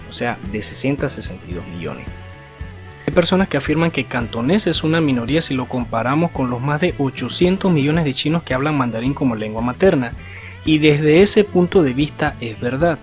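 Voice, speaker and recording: Man explaining a language lesson. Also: mid-range voice. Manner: didactic, asks rhetorical tag questions. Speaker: Cantonese language teacher. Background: faint guitar music.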